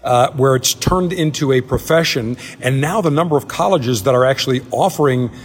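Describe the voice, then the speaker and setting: A male show host at a middling pitch leads the interview in a chatty, storytelling way. He keeps his guest talking. A long room reverb from the vast tasting hall hangs on his voice. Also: a little fast, slightly rough. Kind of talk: hosted interview. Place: large brewery tasting room.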